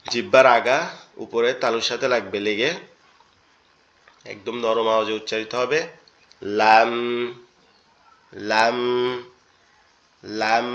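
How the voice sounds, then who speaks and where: A man's voice: mid-range voice, fairly bright tone. Patient man teaching letters, lo-fi. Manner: patient, repeats each point slowly. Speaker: Quran teacher. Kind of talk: online lesson on Arabic letters.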